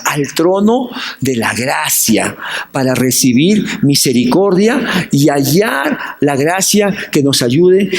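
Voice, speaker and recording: Peruvian male pastor, high-ish voice, animated sermon, plays the people he quotes. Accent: Peruvian Spanish. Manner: animated preaching, asks questions and answers them.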